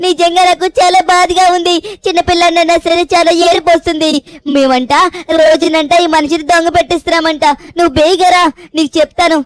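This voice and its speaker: A woman voicing the cheeky little cartoon boy Shinchan, chattering in a high squeaky voice in a fan dub over game play. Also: flat delivery, fairly quick, no room sound. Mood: aggrieved.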